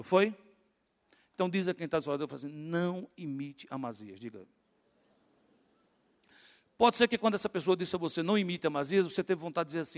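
A Northeastern Brazilian man in his fifties, a pastor preaching a sermon with many rhetorical questions and call-and-response with his congregation. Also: on the high side. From Natal, Northeast Brazil. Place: church sanctuary. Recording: long hall reverb.

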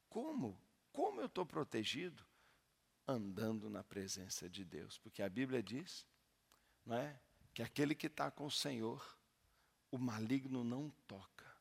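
A male pastor, preaching a sermon and telling a story dramatically, moving from hushed pleas to loud exclamations. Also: medium pitch, vocal fry, husky, long reverb tail.

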